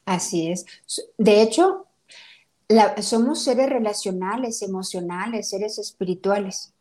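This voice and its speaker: A woman's voice: mid-range voice, measured pace, warm tone. Direct woman debunking parenting myths. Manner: direct, myth-busting, explanatory. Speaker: parenting and breastfeeding advisor. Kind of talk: informative conversation.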